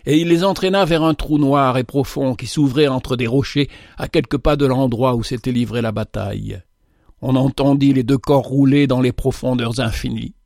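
A man narrating a literary story in a measured, dramatic storytelling manner. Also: medium pitch, steady tone, vocal fry, a little mellow, no room sound, studio quality.

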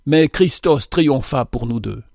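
A man narrating a literary story in a measured, dramatic storytelling manner. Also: medium pitch, animated, gravelly, a little mellow, dry recording, studio quality.

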